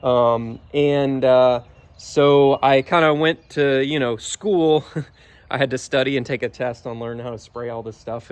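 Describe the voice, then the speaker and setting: A man's voice: mid-range voice, slight background noise. A middle-aged man from Georgia in the US, casually walking through his homemade yard sprayer outdoors, rambling with lots of ums. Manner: relaxed, rambling with many ums. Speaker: home DIY vlogger. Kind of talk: casual how-to walkthrough.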